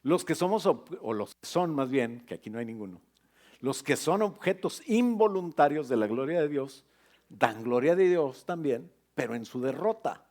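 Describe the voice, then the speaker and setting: Man, pastor, middle-aged, lively sermon delivery, playful asides to the church. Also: on the high side, moderate pace. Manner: lively preaching with jokes and asides to the congregation.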